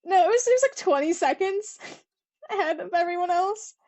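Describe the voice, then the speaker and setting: Chatty young woman with a high voice, laughs often, casual podcast co-host, talks through what she reads. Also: lively intonation, moderate pace, a little mellow. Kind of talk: casual chat about motor racing.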